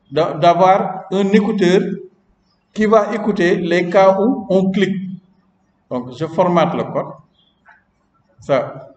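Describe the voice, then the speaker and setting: A man's voice: high-pitched, a little mellow. A man instructing a class in programming during a live coding lesson, chatty and often checking in with the students. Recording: roomy, dull lo-fi classroom recording with long reverb.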